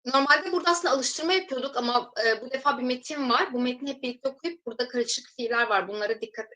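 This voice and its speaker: A woman gives a step-by-step recorded language lesson, slowly reading example sentences and translating them for viewers she addresses as friends. Her high-pitched voice sounds pushed and bright, and the recording is low quality.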